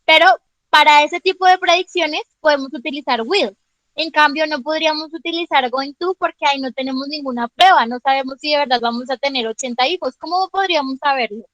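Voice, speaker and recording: An English teacher explains grammar in an online class, patiently asking frequent questions to check understanding and calling on students by name. Her voice is high, brisk, and a bit bright, recorded with no echo but poor audio quality.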